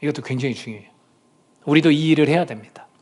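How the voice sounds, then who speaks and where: A middle-aged man preaching a sermon as pastor, earnest, swinging between loud pleas and hushed near-whispers. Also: a little high, fast. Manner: acts out quoted voices of people and prayers.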